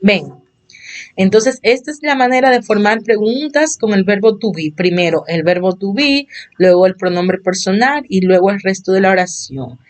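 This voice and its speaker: In a slow, explanatory online lesson, a woman teaches basic English in Spanish, patiently going over and repeating examples for her students. Her voice is medium in pitch and moves at a normal pace.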